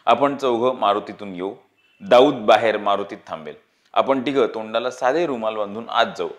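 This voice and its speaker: A man's voice: on the low side, normal speed, close to an everyday voice. A man reading the part of a cocky young man who plans the job, self-assured and lecturing. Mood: confident.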